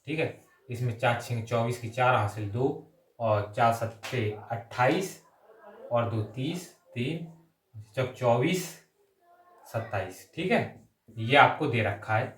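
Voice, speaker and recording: Slow and full of pauses, a man with a mid-range voice teaches an exam-coaching maths lesson, talking through each sum step by step. He blends English number words and terms into his speech and checks in repeatedly with brief tag phrases. The distant mic captures a roomy echo.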